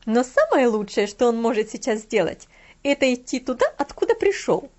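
A woman voicing a furious middle-aged housekeeper who shouts and scolds a boy in a storybook reading. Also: on the high side, big pitch swings, normal speed, highs cut off. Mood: sarcastic.

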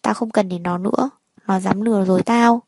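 A woman reads a jealous, quick-tempered young man in a story, blunt and threatening. Her voice is husky and the sound dry. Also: mid-range voice, fairly even intonation, a little mellow, no echo. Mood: angry.

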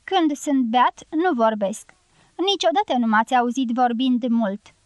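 A woman reads a novel aloud as an audiobook narrator, carrying every character's lines in her own voice. Her voice sits high. The sound is dry and close, with no room around it. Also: no echo.

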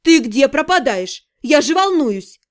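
A woman's voice: high-pitched, very animated, unhurried. A woman voicing a worried middle-aged mother scolding her daughters. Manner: anxious, scolding.

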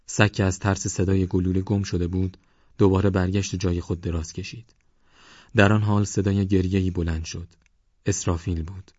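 A man narrating a novel as an audiobook in a measured, even storytelling manner. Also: deep voice, breathy edge, no echo, muffled recording. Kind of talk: scripted narration.

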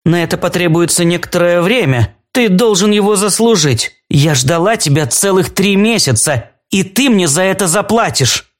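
A man's voice: high-pitched, expressive, normal speed, voice pushed up. A man playing a scolding, demanding young woman. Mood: indignant. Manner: indignant, scolding. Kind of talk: audiobook character voice.

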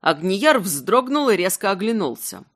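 Steady audiobook fantasy narrator. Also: medium pitch, moderate pace.

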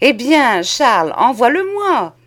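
A woman reading aloud and voicing a shrill, suspicious old woman who scolds her maid and fears fairies. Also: sing-song, takes it slowly. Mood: shrill scolding. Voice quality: sour, shrill.

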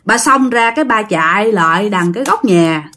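A woman with a Southern Vietnamese accent, narrating a ghost story to her listeners in lively quoted speech. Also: mid-range voice, moderate pace.

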